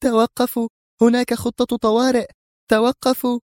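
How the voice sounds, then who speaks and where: Man doing a shrill, furious villainess. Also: level tone, fairly quick, no echo, clean studio sound. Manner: shrill, shouting in outrage. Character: furious woman leading a criminal organization.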